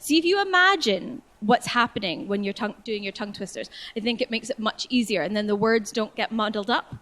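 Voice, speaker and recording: A woman, a singing tutor leading a vocal warm-up lesson in an encouraging, cheerful way, slowing down to spell out each phrase. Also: medium pitch, lively intonation, low-quality recording. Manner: encouraging, cheerful, speaks slowly and clearly when demonstrating.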